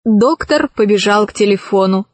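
A woman narrating a storybook in a measured, storytelling manner. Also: medium pitch, no room sound. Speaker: audiobook narrator. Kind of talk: scripted narration.

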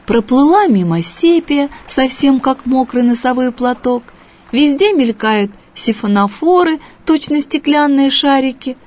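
A woman reading a children's story aloud in a measured, expressive way. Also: high voice.

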